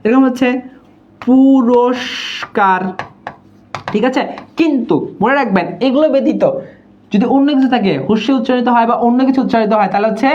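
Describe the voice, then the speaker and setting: A man's voice: very high voice, quick pace, a little mellow, highs cut off, a little hiss or hum. Man from Dinajpur teaching spelling. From Dinajpur, Bangladesh. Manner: repeats words and keeps checking students understand. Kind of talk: live online class.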